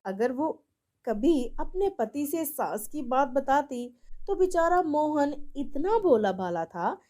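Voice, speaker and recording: A woman storyteller reads a scripted family tale. Her voice is high and her pace is slow and measured. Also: very animated, warm tone. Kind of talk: scripted moral-tale narration.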